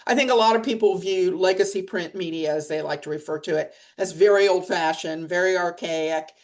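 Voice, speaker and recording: Over a video call, a middle-aged woman who leads a press association speaks in a webinar discussion. Her voice is lowish and a little fast, and her manner is blunt, plain-spoken and emphatic.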